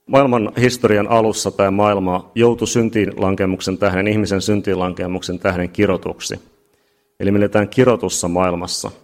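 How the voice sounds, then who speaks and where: A man preaching a sermon, emphatic and building to shouts at key points. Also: lowish voice, fairly even intonation. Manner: emphatic, rising to shouts at climaxes.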